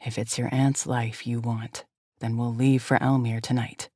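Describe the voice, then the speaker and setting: Woman voicing a rough-voiced commanding Fae prince. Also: level tone, a little slow, dark tone, dry recording, studio quality. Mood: resolute. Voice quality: rough, low and muttering. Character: intense, commanding male Fae prince lover.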